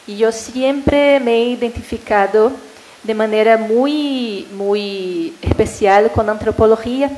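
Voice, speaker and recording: Invited to a university panel, a Brazilian woman whose first language is Portuguese gives a hesitant academic talk in Brazilian-accented Spanish, packed with fillers and tag questions. She speaks slowly in a slightly high, somewhat mellow voice, and the recording is rough.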